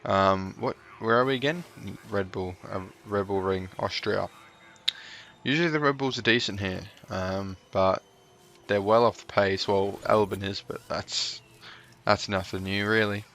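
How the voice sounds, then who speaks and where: A man's voice: fairly low pitch, unhurried, fairly bright tone. A man giving casual, joking commentary over a racing management game, cheering on his drivers. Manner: chatty, cheers on his drivers, jokey asides. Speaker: gaming YouTuber.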